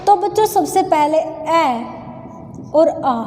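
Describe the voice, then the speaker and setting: A woman teacher with a Haryanvi Hindi accent giving an exam-prep grammar lesson, calling her students children and repeating key terms slowly. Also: high voice, lively intonation, dark tone, soft background music. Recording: echoey room with long reverb.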